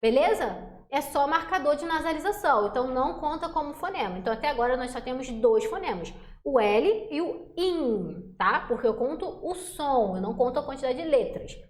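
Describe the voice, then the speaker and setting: High-voiced woman teacher, echoey room. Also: animated. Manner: chatty, checks in constantly with the class; sounds out letters and syllables slowly. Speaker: Portuguese teacher. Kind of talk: exam-prep lesson at a whiteboard.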